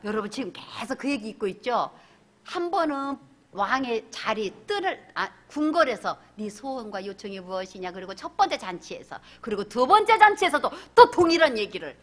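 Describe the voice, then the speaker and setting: Animated, high-voiced woman pastor preaching. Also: moderate pace. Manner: animated, acts out characters, asks the congregation questions. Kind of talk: sermon.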